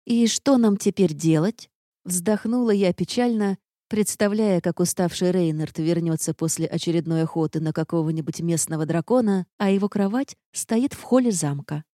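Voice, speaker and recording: A woman reading a first-person audiobook with lively, ironic storytelling. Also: lowish voice, normal speed, dry recording, clean studio sound. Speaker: audiobook narrator.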